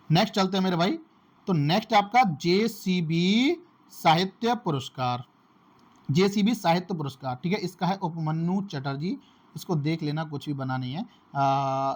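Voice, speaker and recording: High-voiced man teaching memory tricks. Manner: repeats phrases, calls listeners "my brother", makes memory tricks. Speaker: exam-prep teacher. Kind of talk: casual classroom-style lesson.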